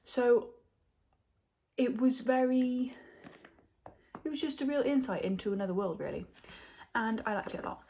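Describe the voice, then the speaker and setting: A woman's voice: a little high, moderate pace, creaky, pauses often, warm tone. A young woman from Wales giving a chatty, thoughtful book review in a casual reading vlog, often trailing off and restarting her thoughts. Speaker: book vlogger.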